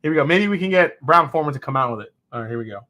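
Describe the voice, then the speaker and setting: A man in his forties with a slightly high voice hosts a live whiskey tasting show. He chats casually and reacts to viewers' comments with quick, excitable exclamations.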